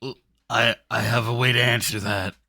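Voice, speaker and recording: A man's voice: medium pitch, fairly even intonation, moderate pace, vocal fry, pushed and bright. A man playing in a tabletop game who jokes around and breaks into exasperated outbursts. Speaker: player. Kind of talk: tabletop role-play chat.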